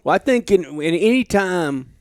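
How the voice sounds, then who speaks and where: A man's voice: high voice, lively intonation, moderate pace, no echo, studio quality. A man talking as a podcast guest, thoughtful and reflective, drawing on history and books in casual conversation. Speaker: guest, outdoor journalist.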